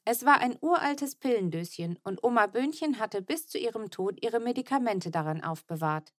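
A woman narrating a children's audiobook in an expressive, lively storytelling manner. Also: on the high side, moderate pace, no echo, clean studio sound.

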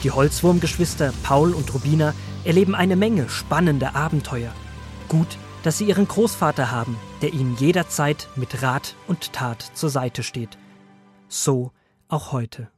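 A man narrating a children's Bible story in a calm, clear storytelling manner. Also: fairly high pitch, normal speed, soft background music.

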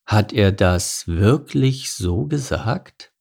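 A man's voice: lowish voice, lively intonation, gravelly, darkish tone, breathy edge, heavily acted. A man voicing a big, arrogant male baboon who talks down to others. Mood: condescending. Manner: slow, condescending.

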